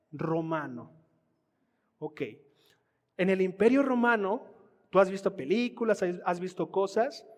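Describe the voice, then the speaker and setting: A man preaching a sermon with a Mexican Spanish accent, teaching in a conversational way and calling the congregation family. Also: high voice. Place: church hall. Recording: long hall reverb.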